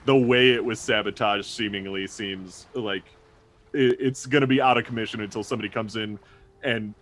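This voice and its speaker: A man improvising narration as game master of a tabletop game, in a casual, halting way. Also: on the low side, fairly even intonation, fairly bright tone, low-quality recording. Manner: casual, halting, prone to laughing.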